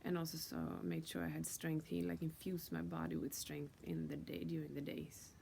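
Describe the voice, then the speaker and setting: A woman with a gravelly, fairly low voice talks through her own story in a casual, unscripted way. She stumbles and restarts often, swears freely and hammers points home by repeating words. A faint hiss sits under her voice. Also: mellow. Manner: halting, full of fillers and restarts, heavy swearing. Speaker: channel host telling her own story.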